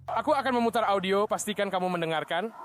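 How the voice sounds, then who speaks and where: A man's voice: sits high, fast, fairly bright tone. A man speaking as a police officer, giving terse, professional replies to someone he has detained. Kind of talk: terse exchange with a detained person. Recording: noisy ambience at a police stop.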